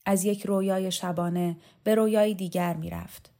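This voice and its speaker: A woman reader narrating a literary novel in a calm, measured way. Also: fairly low pitch. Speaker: audiobook reader.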